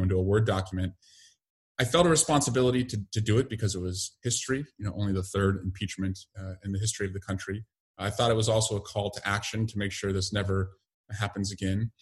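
Low-voiced man answering in halting speech. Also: steady tone. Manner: halting, many fillers and restarts. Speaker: interview guest, congressman. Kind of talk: casual interview answers.

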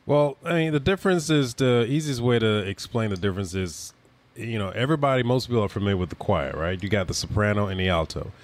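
A man from the Bahamas speaks as a musician guest on a podcast, with a somewhat low voice. His explanations are laid-back, and he keeps checking in with the listener. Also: quick pace, no room sound. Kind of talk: casual interview.

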